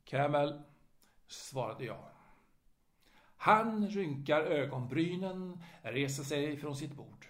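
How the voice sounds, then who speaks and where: A man narrating a story in a dramatic, lively way. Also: fairly high pitch. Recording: roomy echo.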